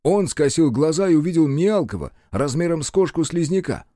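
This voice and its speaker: A man reading scripted narration for an audiobook in a lively, expressive way. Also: fairly high pitch, brisk, no echo, clean studio sound.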